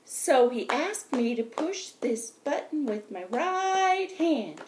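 A middle-aged woman, a children's librarian, leading a storytime finger play in an animated, sing-song way, filmed on a laptop webcam in a small room at home. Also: sits high, slow pace, a little hiss or hum. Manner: animated, sing-song chanting with big hand gestures.

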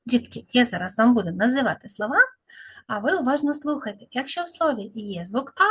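A woman's voice: fairly high pitch, lively intonation, a little fast, husky. A woman speech therapist leading a lesson for small children, drawing out words in a sing-song way.

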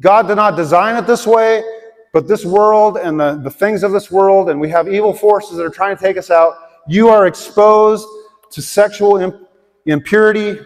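Long hall reverb surrounds this middle-aged pastor preaching conversationally to his congregation in a big church auditorium. His voice is high and his pace moderate, and he puts direct questions to the listeners.

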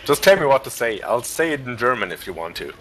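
A man's voice: mid-range voice, very animated, quick pace, a bit bright, faint music behind. A man co-commentating a live racing stream, reading out standings in rambling play-by-play with jokey asides. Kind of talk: casual race commentary.

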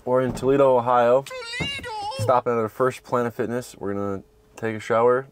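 A man's voice: medium pitch, wildly swooping pitch, brisk. A young man filming a road trip vlog, chatting casually and jokingly to the camera from inside a van. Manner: laid-back, joking. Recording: loud road and engine noise.

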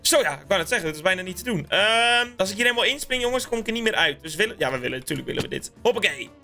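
Bright, high-voiced excitable gaming man. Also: rapid-fire, creaky, faint music behind. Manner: excitable, chatty, addresses viewers as "guys". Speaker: gaming YouTuber. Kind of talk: Minecraft let's-play commentary.

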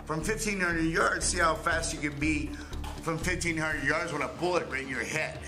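A man's voice: fairly high pitch, moderate pace, music in the background. A man in his sixties, an arrestee, talking in a threatening, boastful way. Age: 60s.

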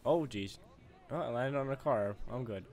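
A man's voice: mid-range voice, normal speed. A man giving casual, goofy and sarcastic gameplay commentary as a walkthrough host. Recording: faint game noise behind.

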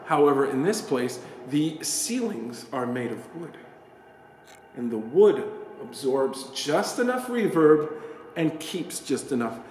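A man's voice: fairly high pitch, darkish tone, slight background noise. A man in his forties casually explaining a filming location to camera, chatty and enthusiastic with frequent hesitant fillers, recorded on a camera mic in a large empty church. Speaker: videographer and vlogger. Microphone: camera mic at arm's length. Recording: echoey church with long natural reverb.

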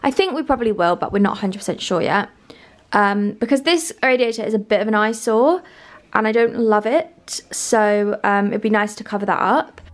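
A young woman chatting casually in her flat for a vlog, enthusing about her rooms with lots of ums and likes. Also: mid-range voice, normal speed. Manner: gushing, filler-heavy, enthusiastic. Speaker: home vlogger. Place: bedroom and kitchen of a rented flat, indoors.

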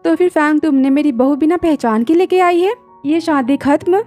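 A woman's voice: sits high, moderate pace, darkish tone, soft background music, lightly acted. A woman voicing an overbearing, dramatic rich middle-aged mother who scolds. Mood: scolding.

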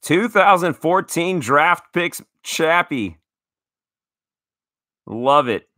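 A man in his thirties hosts a casual card-opening chat, gushing with thanks and tripping over his words as he restarts sentences. His voice is bright and forward. The sound is dry and close, with no room echo. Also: a little high, expressive, extremely slow. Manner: enthusiastic, grateful, stammering restarts. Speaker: card collecting show host.

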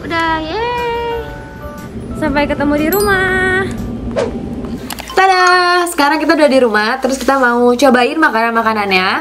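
With background music playing, a young vlogger chats casually through a shopping trip in the supermarket and then back in her dining room at home. Upbeat and explanatory, she speaks in a high voice at a moderate pace.

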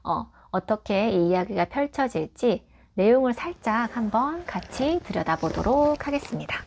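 A woman reviewing a children's picture book, explaining it patiently and clearly and modelling English pronunciation tips. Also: fairly high pitch, lively intonation, normal speed, darkish tone, a little hiss or hum.

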